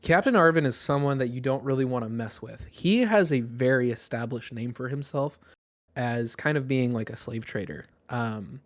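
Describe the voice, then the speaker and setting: A man's voice: mid-range voice, moderate pace. A man narrating a tabletop game casually, with many fillers. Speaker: game master.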